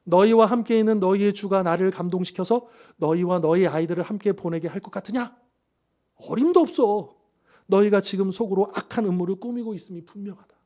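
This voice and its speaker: A man's voice: high-pitched, fairly quick, mellow, natural voice. A man voicing a scornful, sarcastic ancient king within a sermon. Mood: sneering. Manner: sarcastic, mocking.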